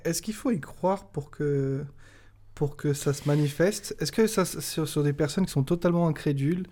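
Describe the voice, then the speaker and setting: A man with a fairly high voice, co-hosting a podcast. He asks the guest questions in a casual, hesitant way, restarting and rephrasing as he searches for words. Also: moderate pace, warm tone. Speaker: podcast co-host.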